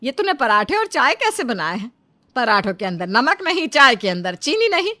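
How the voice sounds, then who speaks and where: A woman voicing a bossy older mother-in-law in a cartoon story, taunting and sharp. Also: high-pitched, big pitch swings, normal speed, exaggerated voice. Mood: scolding.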